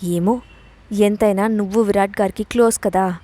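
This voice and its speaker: A feisty young woman in an audio story, quick to anger and always snapping back with indignation, as a woman narrator reads her. Her voice is mid-pitched and heard close and dry. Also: fairly even intonation, warm tone, dry recording, natural voice. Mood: defiant. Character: feisty young bride, defiant and hot-tempered.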